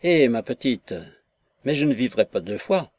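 A man voicing an ill, confused older father who is quick to anger, speaking in short, abrupt bursts in an audiobook reading. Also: medium pitch, expressive, a little mellow, dry recording, close to an everyday voice. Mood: agitated.

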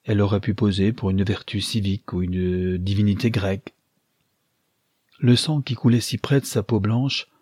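Guy reading a classic novel, low husky voice, dry close mic. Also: mellow, dry recording. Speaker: audiobook narrator. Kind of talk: literary audiobook reading.

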